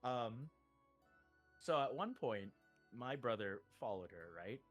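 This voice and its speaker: A male streamer telling a story in casual chat. He is animated, swears freely and acts out the quotes. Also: medium pitch, takes it slowly, soft background music.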